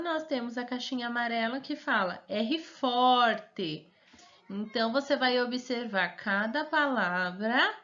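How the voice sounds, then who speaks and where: Her voice sits on the high side, pushed and bright, though the recording cuts off the highs. This Brazilian Portuguese-accented teacher gives young children a remote lesson, reading each word slowly with stretched syllables and asking coaxing questions.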